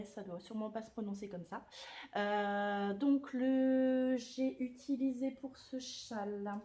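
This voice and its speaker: A woman talks casually to her viewers about her knitting projects. She pauses often and corrects herself as she goes, in a relaxed and chatty manner. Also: on the high side. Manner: chatty, with many hesitations and self-corrections. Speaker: knitting podcaster. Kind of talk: casual knitting video podcast.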